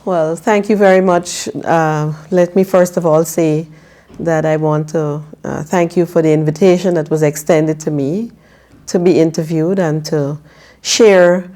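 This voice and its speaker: A woman in her fifties from Guyana, a political candidate answering interview questions in a measured, careful way with frequent pauses in a TV studio. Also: deep voice, steady tone, warm tone. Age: 50s.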